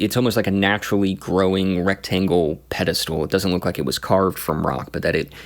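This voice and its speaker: A man recounting his tabletop campaign as game master, in a casual, halting way with many pauses and restarts. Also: deep voice, vocal fry. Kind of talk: casual story recap.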